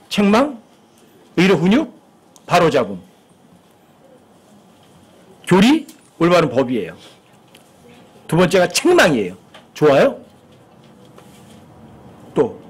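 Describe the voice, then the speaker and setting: Man, pastor, church sermon, husky, high voice. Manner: conversational preaching with frequent rhetorical questions.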